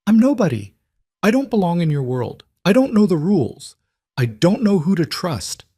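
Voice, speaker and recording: A man's voice: fairly low pitch, lively intonation, moderate pace, darkish tone, no room sound. Frightened young woman played by a male narrator, tearful, pleading, dry booth sound. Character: frightened young woman caught in mob danger. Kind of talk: audiobook character reading.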